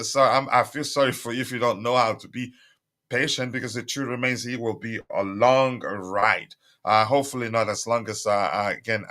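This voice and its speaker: This livestream host is a man with a medium-pitched, sharp-toned voice. He chats casually with viewers and reads out their comments, using plenty of fillers and repeatedly asking for likes. His voice sounds a little strained, as if he's recovering.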